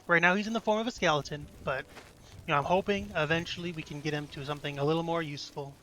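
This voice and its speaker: A man's voice: fairly high pitch, fast, a bit bright, a little hiss or hum, rough recording. A man giving casual, playful, profane commentary as he hosts a video game let's play. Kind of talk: casual joking gameplay commentary.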